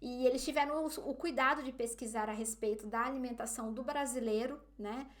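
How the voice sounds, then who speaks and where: A woman with a Brazilian Portuguese accent tells a story to her viewers in a loose, chatty way. Her voice sits a little on the high side. She keeps turning to her listeners directly as she talks. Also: brisk. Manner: chatty, often addresses listeners as "gente". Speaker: vlogger. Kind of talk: casual storytelling to camera.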